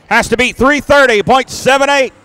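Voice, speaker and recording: Clear-voiced male tractor pull announcer. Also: very high-pitched, normal speed, bright, forceful tone.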